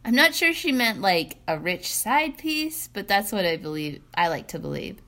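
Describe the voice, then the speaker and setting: A woman's voice: medium pitch, big pitch swings, moderate pace, bright, forceful tone. A young woman co-hosting a podcast who tells of a dinner outing in a dry, wry way. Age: young adult. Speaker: podcast co-host.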